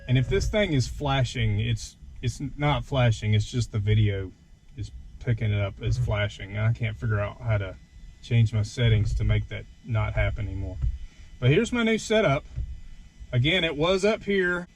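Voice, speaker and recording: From inside a truck, a vlogger gives a casual, hands-on video walkthrough of his gear, informal and self-deprecating. His medium-pitched voice is animated at a moderate pace, with clear vehicle background noise.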